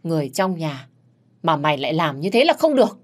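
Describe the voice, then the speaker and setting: A woman's voice: low voice, very animated, a little fast. A woman voicing a scolding middle-aged housekeeper aunt.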